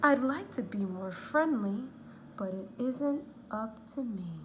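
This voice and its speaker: A woman voicing a glum, sulky male fish in a children's storybook read-aloud, drawing out a slow sing-song refrain. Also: on the high side, lively intonation, slight background noise.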